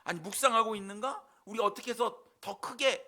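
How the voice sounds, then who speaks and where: A man's voice: high voice, a little fast, sharp tone. A male pastor voicing desperate pagan prophets who call out to their god. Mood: doubtful. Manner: pleading, then doubting.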